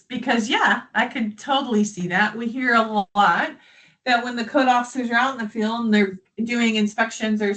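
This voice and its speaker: A woman from the United States leading a live software training, explaining features in a friendly, chatty way. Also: on the high side, low-quality recording.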